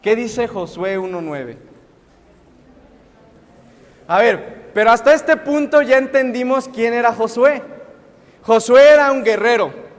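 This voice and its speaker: Inside a church sanctuary with long, echoey reverb, a young man preaches as a guest, posing questions to the congregation and then answering them. His voice is very high-pitched, animated, and a little slow.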